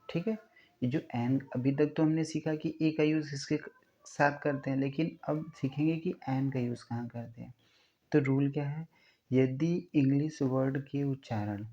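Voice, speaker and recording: A man gives a classroom-style grammar lesson in a dark, mellow voice, slowing down to stretch out each sound he is demonstrating. He keeps checking in with his listeners. The recording is somewhat dull and lo-fi. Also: medium pitch. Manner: explains step by step, often asking the listener "clear?"; stretches out sounds slowly to show pronunciation. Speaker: English teacher.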